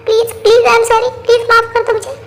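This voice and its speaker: A woman's voice: extremely high pitch, completely flat delivery, fairly quick. A woman doing a tearful pleading young woman. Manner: pleading, apologetic. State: crying. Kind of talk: Hindi fan-dub voice acting.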